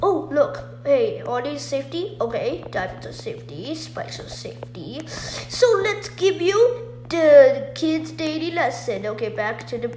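Excitable young girl narrating gameplay. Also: high-pitched, a little slow, echoey room, a little hiss or hum. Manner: bubbly, exclaims and gasps often. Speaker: gaming YouTuber.

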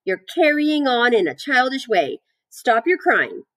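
A woman's voice: fairly high pitch, sing-song, normal speed, dark tone, breathy edge, pitched above the performer's own voice. A woman voicing a clever, no-nonsense female spider in a storybook, firm, composed and commanding. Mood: brisk, firm.

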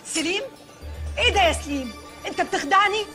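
An actress playing a haughty princess, the pasha's wife, speaking with indignant grandeur. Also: female voice, very high-pitched, quick pace, music in the background. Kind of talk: comedic film acting.

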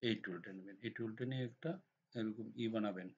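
A hoarse man with a cold walks through a design software tutorial step by step, often checking that the viewer is following. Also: on the low side, quick pace. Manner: step-by-step instructions with frequent checks like "ঠিক আছে?". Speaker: computer design instructor. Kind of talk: screen-recorded software tutorial. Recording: dull lo-fi recording with faint noise.

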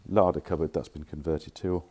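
Brisk and steady, this very deep voice has a darkish tone and a slightly rough texture. A furniture dealer uses it for a casual walkthrough of warehouse stock, filmed on a handheld phone camera, chatting informally and occasionally correcting himself.

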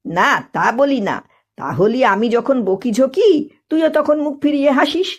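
A woman voicing a middle-aged village husband who jokes mildly and gently chides his wife. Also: sits high, lively intonation, a little slow, husky, lo-fi sound, voice pushed up, heavily acted. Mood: chiding. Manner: mild, joking, gently chiding.

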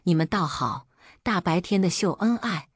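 A woman's voice: lowish voice, animated, moderate pace, breathy edge, no room sound, studio quality. A woman voicing a raging, jealous husband. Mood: furious. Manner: shouting insults. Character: violent jealous husband, young adult man.

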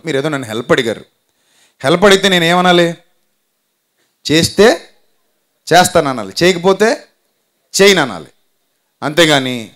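A male pastor preaching a sermon, telling the story with animation and firing rhetorical questions at his listeners, sometimes dropping to a quiet voice. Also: fairly high pitch.

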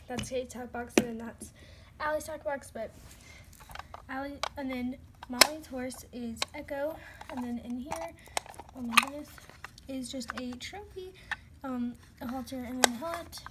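Unhurried and leaving long pauses, a high-voiced woman narrates a casual tour of her toy horse barn, listing items chattily and occasionally whispering. She films from behind a handheld phone in a carpeted room at home, and the background noise is heavy.

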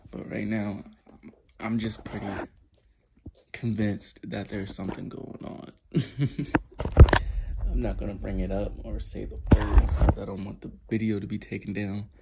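A young man vlogging at home early in the morning, talking in a hushed, rambling, slangy way about spiritual ideas. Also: flat delivery, a little slow, gravelly, long pauses. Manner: rambling, hushed and low-key, with slangy asides. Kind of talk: casual spiritual monologue to camera. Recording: loud background noise.

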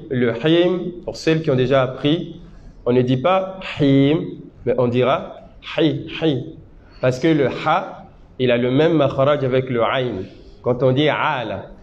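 A man teaching religion at a seminar, patiently explaining and checking with his audience, demonstrating Arabic sounds slowly. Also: medium pitch. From Côte d'Ivoire. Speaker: Islamic teacher. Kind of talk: religious teaching and Quran recitation lesson. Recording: dull lo-fi seminar recording with faint noise.

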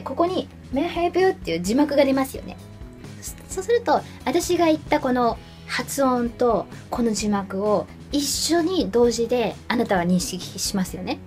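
A Japanese woman hosting a casual spoken lesson, chatty and lively, mimicking English phrases as she explains. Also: on the high side. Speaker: English study channel host.

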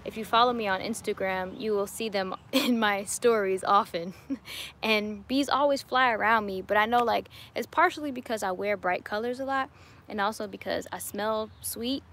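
This woman in her late twenties is livestreaming from a home garden, casually chatting with viewers and responding to their messages. Held at arm's length, the phone or webcam picks up her cheerful, frequently laughing, mid-range voice, which is a bit bright and moderately paced.

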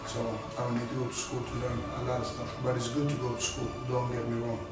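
A man's voice: medium pitch, monotone, fast talker. Rambling man in a very echoey room. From Senegal. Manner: rambling, repeats and restarts phrases. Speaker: boxer and rapper introducing himself. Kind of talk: casual self-introduction to camera. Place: indoors, in front of a studio backdrop. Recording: very echoey room from a distance, music behind.

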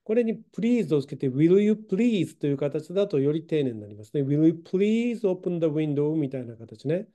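Middle-aged guy doing an online grammar lesson, patient, lots of ums, warm dark voice. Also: fairly high pitch, animated, normal speed, few pauses. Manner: patient, explanatory, with many fillers. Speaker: English teacher.

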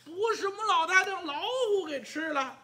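A man's voice: extremely high pitch, lively intonation, brisk, pushed and bright, pitched above the performer's own voice, exaggerated voice. A man voicing a brash, hot-tempered, burly outlaw warrior who talks bluntly and boastfully.

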